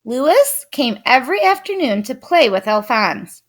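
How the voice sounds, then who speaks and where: A woman expressively reading a children's picture book aloud. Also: sits high. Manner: expressive, unhurried. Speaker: storyteller.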